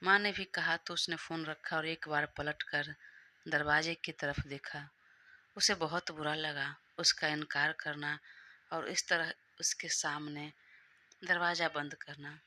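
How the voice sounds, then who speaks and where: A woman storyteller narrates a romantic audio novel in a calm, even way. She reads slowly with a very bright, sharp timbre. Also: deep voice, dry recording.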